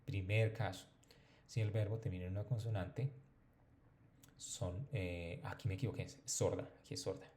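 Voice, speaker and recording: Low-voiced man teaching pronunciation. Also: steady tone, darkish tone. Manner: repeats example words slowly and clearly. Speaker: English teacher. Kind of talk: explanatory lesson.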